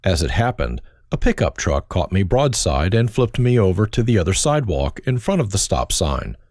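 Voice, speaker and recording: A man's voice: low voice, big pitch swings, normal speed, a little mellow, dry recording. An older man with a German accent, reading his autobiography aloud in a reflective tone with dry wit. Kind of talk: autobiographical narration.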